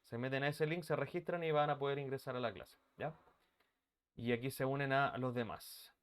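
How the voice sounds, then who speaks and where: A man's voice: medium pitch, normal speed, clear, resonant tone. A man teaching a live online English class from his bedroom, chatting casually and greeting students by name. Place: bedroom used as an office. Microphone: computer mic on a video call.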